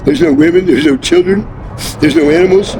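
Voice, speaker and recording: A middle-aged American man with a folksy country drawl, chatting casually in a rambling, halting, profane way. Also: creaky. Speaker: homeless interviewee. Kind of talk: casual street chat. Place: outdoors near railroad and traffic. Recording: noisy outdoor recording with traffic rumble.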